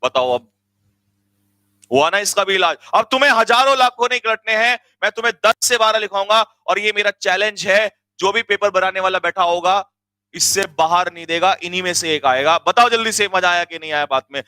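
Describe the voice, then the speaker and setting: A man teaching grammar in an online exam-coaching lecture, energetic, urging his students to hurry and quizzing them with repeated questions. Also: high voice, a little fast, dry recording.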